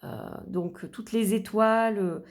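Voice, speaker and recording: A woman's voice: mid-range voice, steady tone, slow pace, a little mellow. A middle-aged woman vlogging in a casual, chatty way, with many fillers and restarts, her voice a little worn. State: losing her voice. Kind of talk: casual chat.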